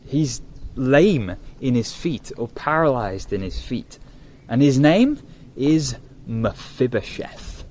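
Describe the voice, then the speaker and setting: Man playing a matter-of-fact royal servant, casual, mellow. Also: medium pitch, big pitch swings, takes it slowly, few pauses, slight background noise.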